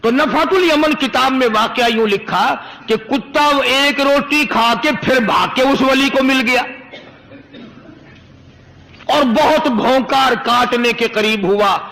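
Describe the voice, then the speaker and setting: Male preacher, sermon storytelling. Bright, forceful tone in a reverberant hall. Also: very high-pitched, vocal fry. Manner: rhythmic, repetitive phrasing.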